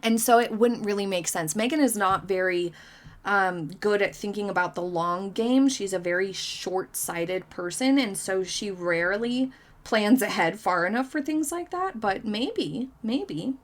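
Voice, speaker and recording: A woman hosting a commentary channel reads out viewer comments and shares her opinions in a chatty vlog, using lots of hedges and fillers. Her voice is medium-pitched and animated, and she speaks a little slowly.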